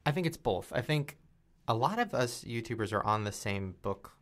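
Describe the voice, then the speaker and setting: A man's voice: mid-range voice, very animated, moderate pace, fairly bright tone. A young man in his twenties, a podcast guest, chatting candidly and mocking himself, laughing easily. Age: 20s. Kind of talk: casual chat.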